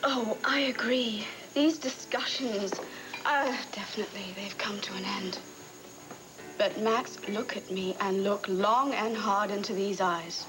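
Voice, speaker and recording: A woman's voice: mid-range voice, steady tone, a little slow, music in the background, natural voice, poor audio. An actress playing a wounded, proud, defiant woman in a television soap opera, speaking with bitter, dramatic emphasis.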